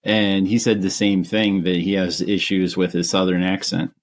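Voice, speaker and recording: Low gravelly man, lively podcast host. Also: moderate pace. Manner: friendly, short reactions and questions. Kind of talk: casual interview.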